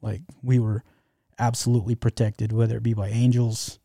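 A man tells a long adventure story in a relaxed, rambling way, full of fillers and restarts. His voice is very dark and mellow at an everyday pitch. The sound is dry and close, with no room echo. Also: normal speed, creaky. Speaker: guest telling a travel story. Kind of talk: casual storytelling.

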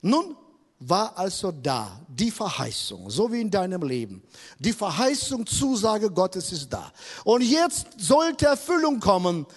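A man's voice: high-pitched, sing-song, unhurried, breathy edge. A man preaching a sermon in a church hall, emphatic and repeating his key words. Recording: long reverb of a large hall.

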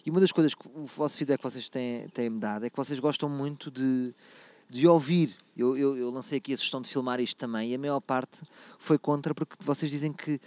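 A man's voice: medium pitch, a little mellow, no echo. A man from Portugal with a European Portuguese accent, hosting a comic podcast and playfully reading phrases in a mock-Italian voice. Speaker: podcast host. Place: out and about, travelling.

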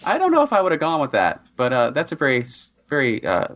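A man's voice: on the high side, huge pitch swings, quick pace, a bit bright. A man co-hosting in a casual, conversational chat. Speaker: co-host. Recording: slightly dull, lo-fi microphone.

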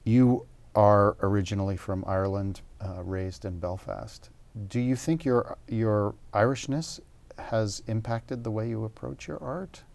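A man's voice: lowish voice, measured pace, gravelly, darkish tone. A man interviewing an artist, asking thoughtful, probing questions.

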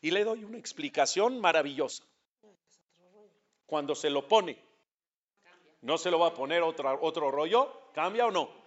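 A man's voice: a little high, expressive, moderate pace, pauses often, a bit bright. A man teaching a religious lesson as a rabbi, asking questions and answering them himself. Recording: dull lo-fi recording.

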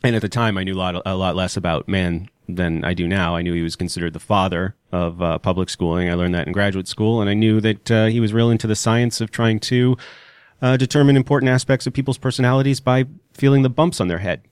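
A man's voice: lowish voice, fairly even intonation, fast talker, clear, resonant tone, dry recording. A man hosting a casual podcast, with a congested nasal voice as if pinching his nose, talking in a wry, dryly joking way. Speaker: podcast host.

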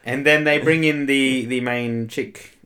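A man co-hosting a podcast, talking in a relaxed, dry way with plenty of fillers. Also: medium pitch, a little slow. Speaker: podcast co-host. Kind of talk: casual chat.

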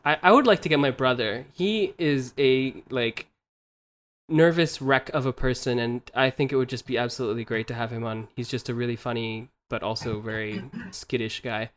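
A man's voice: mid-range voice, moderate pace, fairly bright tone. A young man co-hosting a podcast in casual chat, laughing often and restarting his sentences. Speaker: podcast co-host. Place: living in Germany, from the US.

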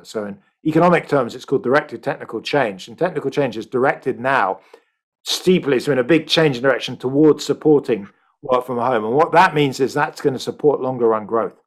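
Brisk explaining man on a video call. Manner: brisk, explanatory, lively pitch. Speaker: economist guest. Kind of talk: conversational interview answers.

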